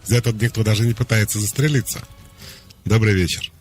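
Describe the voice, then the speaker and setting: Low-voiced male radio psychologist. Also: fairly quick, soft background music. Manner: calm, explanatory, direct advice. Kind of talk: radio call-in advice.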